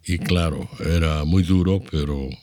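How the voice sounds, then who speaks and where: A man in his seventies with a Bolivian Spanish accent, a guest in an interview, recalling his upbringing in a measured, explanatory way. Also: very deep voice, mellow, no room sound, clean studio sound. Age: 70s. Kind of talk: reflective storytelling.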